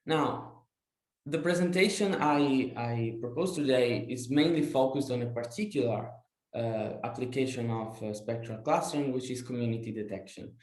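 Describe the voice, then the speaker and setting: A young man with an Italian accent presenting his PhD research over slides, explaining carefully with many "uh" pauses. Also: mid-range voice, darkish tone, roomy sound. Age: young adult.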